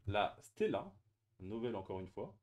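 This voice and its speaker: A man's voice: lowish voice, very animated, moderate pace. A man chatting casually as he opens trading card boosters on camera, hesitant with many fillers and restarts. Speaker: card-opening YouTuber. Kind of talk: casual unboxing commentary.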